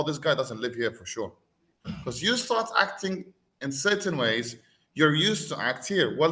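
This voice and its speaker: A man's voice: fairly high pitch, fairly bright tone. A man raised in the UAE, talking reflectively as a podcast guest and explaining with everyday examples. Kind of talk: conversational panel talk.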